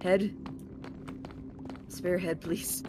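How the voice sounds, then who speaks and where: A woman's voice: fairly low pitch, flat delivery, drawn-out words. A woman in casual gaming chat, playful and mock-pleading with friends. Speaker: streamer player. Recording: noisy voice-chat mic.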